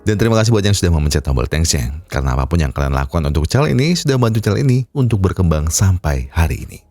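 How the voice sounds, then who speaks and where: A man narrating a film recap and chatting to viewers, his voice nasal and congested from a cold, folksy and gently advising. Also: sits low, lively intonation, rapid-fire, no room sound, soft background music. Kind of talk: scripted film recap narration and casual outro.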